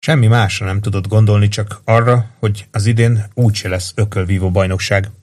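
A man reads an audiobook in a measured, even manner. His voice sits low, and the narration moves steadily. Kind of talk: audiobook reading.

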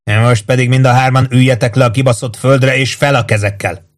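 A man voicing a foul-mouthed, bullying city cop in an audiobook, shouting coarse orders. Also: medium pitch, steady tone, close to an everyday voice. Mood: barking.

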